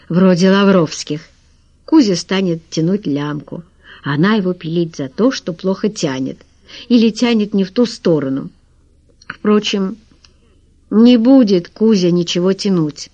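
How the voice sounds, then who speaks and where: A woman narrating an audiobook in a calm, wry storytelling manner. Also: medium pitch, no room sound, muffled recording. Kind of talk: scripted narration.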